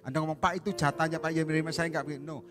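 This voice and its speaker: Animated preacher man bright voice. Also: a little high, fast talker, faint music behind. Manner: animated storytelling with sudden shouts. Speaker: evangelist preacher. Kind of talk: sermon.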